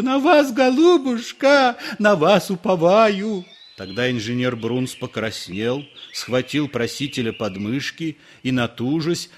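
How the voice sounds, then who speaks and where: A man narrating a novel in a measured, expressive reading. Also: mid-range voice. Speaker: audiobook narrator.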